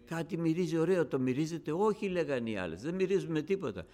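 A man preaching a sermon to his congregation, fervent and rising to loud, passionate calls. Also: fairly high pitch, lively intonation. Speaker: radio broadcaster.

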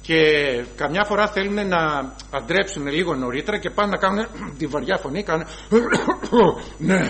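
Male priest, deep voice, slow emphatic sermon delivery full of rhetorical questions. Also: sharp tone, slight background noise, low-quality recording.

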